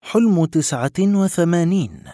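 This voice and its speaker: A man narrating short literary stories in a measured, even reading voice. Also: high-pitched, no room sound, clean studio sound.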